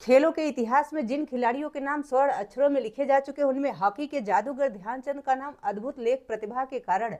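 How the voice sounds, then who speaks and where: A woman's voice: high-pitched, a little fast, few pauses, warm tone. A woman teacher patiently working through textbook exercises step by step, repeating points for her students. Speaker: Hindi teacher.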